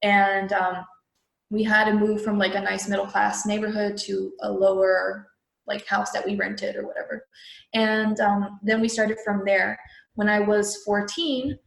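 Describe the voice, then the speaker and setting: A young adult woman from Peru speaks as a guest in a relaxed interview. Her talk is chatty and loose, full of fillers, and her voice has a gravelly fry. The recording sounds roomy and echoey. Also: medium pitch, a little slow. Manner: chatty, frequent fillers like "like" and "you know".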